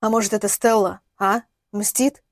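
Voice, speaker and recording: A woman's voice: medium pitch, fairly even intonation, normal speed, dry recording, clean studio sound, close to an everyday voice. Woman reading as a desperate father, pleading. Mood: anguished. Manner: strained, pleading outbursts. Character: desperate middle-aged man searching for his missing daughter.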